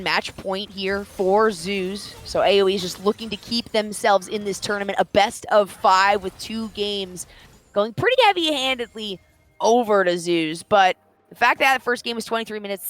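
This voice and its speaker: Excitable woman esports caster. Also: mid-range voice. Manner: excitable and playful, stretching words for emphasis. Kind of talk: live esports commentary.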